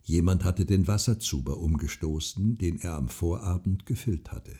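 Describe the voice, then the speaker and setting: A man reading a fairy tale aloud in calm, measured storytelling. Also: low-pitched, breathy edge. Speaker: narrator.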